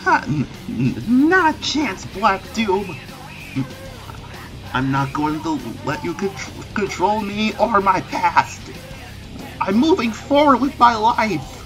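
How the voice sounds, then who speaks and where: Brooding hero hedgehog, man acting, defiant, dramatic, lively pitch, amateur parody dub. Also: slow pace, over music, full character voice. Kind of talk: improvised parody fandub.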